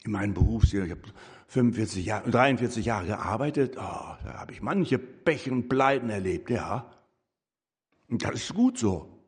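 A man's voice: lowish voice, very animated, moderate pace, breathy edge. An older man giving a conversational sermon as a lay preacher, breaking into rising, emphatic bursts. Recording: echoey hall.

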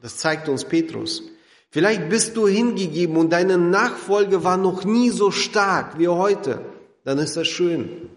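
A man preaching a sermon, addressing listeners directly and dropping to quiet, intense tones for emphasis. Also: high voice, expressive, a little slow. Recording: echoey hall with long reverb.

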